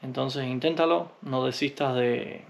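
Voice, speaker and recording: A man from Cuba, answering viewer comments in a relaxed, unhurried vlog, often pausing with hesitations. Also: medium pitch, vocal fry. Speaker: vlogger.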